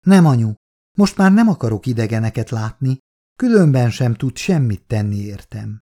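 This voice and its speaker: A man voicing a frail, stubborn young woman near death, speaking softly, hoarse and teasing. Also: medium pitch, big pitch swings. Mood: pleading.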